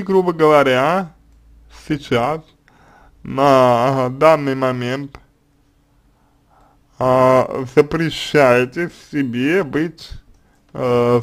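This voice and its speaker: Slow, halting man. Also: on the high side. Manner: halting and deliberate, many fillers and restarts. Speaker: psychologist answering a reader's letter. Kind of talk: slow consulting monologue.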